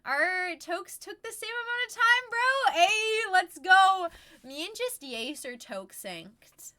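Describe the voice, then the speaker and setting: A woman's voice: extremely high pitch, sing-song, measured pace, bright, forceful tone. A young adult woman chatting casually as a streamer, with slangy, sweary stoner talk. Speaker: live streamer chatting with viewers. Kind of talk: casual chat.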